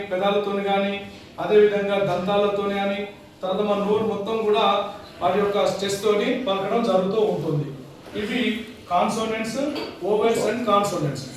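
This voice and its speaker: A man teaches a classroom lesson, going over each point again and again and answering his own questions. His voice sits high and comes from some distance away from the mic. The room around him is very echoey. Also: a little hiss or hum.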